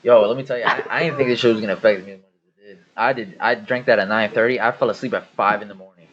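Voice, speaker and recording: A man's voice: fairly low pitch, fairly even intonation, racing. A man co-hosting a podcast, telling a rambling story full of swearing in casual chat. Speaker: podcast co-host. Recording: dull audio with faint hiss.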